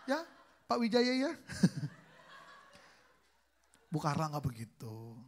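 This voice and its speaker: A man's voice: fairly high pitch, huge pitch swings, extremely slow. A male pastor preaching a sermon at a church service, telling family stories with jokes and acting out the dialogue. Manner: joking storyteller, acts out family dialogue.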